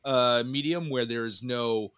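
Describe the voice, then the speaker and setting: A man co-hosting a podcast with a nasal voice, joking about himself in halting casual talk. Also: medium pitch, a bit bright, smooth. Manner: joking, self-mocking, halting. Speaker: podcast co-host.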